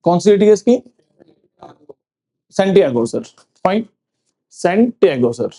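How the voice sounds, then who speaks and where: A male teacher quizzing a class for exams, repeating answers and slowing down to read English facts. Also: high voice, big pitch swings, mellow. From Punjab, India. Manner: quizzing, asks then answers with "sir", slows for reading English facts. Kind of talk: classroom exam-prep lecture.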